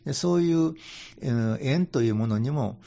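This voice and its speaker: A man's voice: mid-range voice, animated, moderate pace, gravelly, mellow, dull audio. A man with a Kansai accent, a Buddhist temple priest talking casually on a radio show and slipping into folksy dialect. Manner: folksy, chuckling, slips into Kansai dialect for emphasis. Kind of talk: relaxed radio talk on Buddhist teaching.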